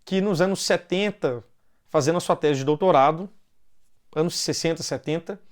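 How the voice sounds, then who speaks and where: A man with a Brazilian Portuguese accent, giving an informal explanatory talk and often ending phrases with a questioning "né". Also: a little high. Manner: loosely paced with pauses and restarts.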